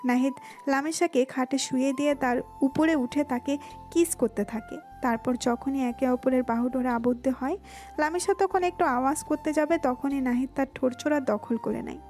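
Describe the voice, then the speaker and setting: A woman with a high voice and a Bengali accent reads a romantic audio story from a script, her narration smooth and even.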